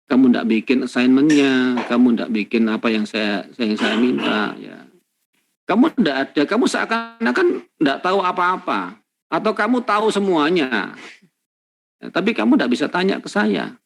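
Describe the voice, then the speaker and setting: A man's voice: mid-range voice, big pitch swings, normal speed, gravelly. A man giving a university lecture, emphatic and repetitive, with many rhetorical tag questions. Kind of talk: classroom lecture.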